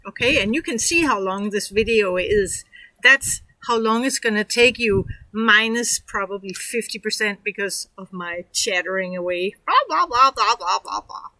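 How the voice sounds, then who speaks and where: The recording is rough, but this online course instructor from Denmark comes through in a mid-range voice at normal speed, pushed and bright, with a Danish accent. She chats her way through a casual screen-share tutorial, encouraging viewers and using plenty of fillers.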